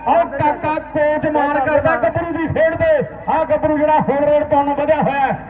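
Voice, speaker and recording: Male rural Punjabi kabaddi commentator, high flat chant, repeated calls, echoey loudspeaker. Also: normal speed, a loud crowd. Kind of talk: rural live sports commentary with chanted verse. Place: outdoor village sports ground. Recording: echoey, distant, tinny loudspeaker sound.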